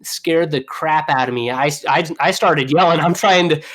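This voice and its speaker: A young man talks shop as a plumber on a podcast, loose and chatty, piling on "you know" as he tells his stories. His delivery is lively and animated, and he laughs easily. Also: fairly high pitch, moderate pace. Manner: animated, laughing storyteller with fillers. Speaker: plumber guest. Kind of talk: casual storytelling.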